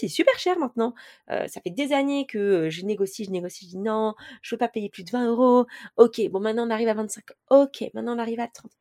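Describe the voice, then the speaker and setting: A woman hosting a chatty money podcast at an ordinary, middling pitch. She rambles informally with lots of filler hesitations and the odd swear word, speaking straight to her listeners. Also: darkish tone. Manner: addresses listeners directly. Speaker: podcast host. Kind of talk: casual chatty personal-finance podcast.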